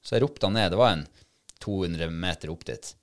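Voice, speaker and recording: Man with a low voice, chatty animated storyteller in a conversation. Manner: lively, animated retelling, quoting others. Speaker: dog handler telling a story. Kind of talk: casual storytelling in a podcast chat.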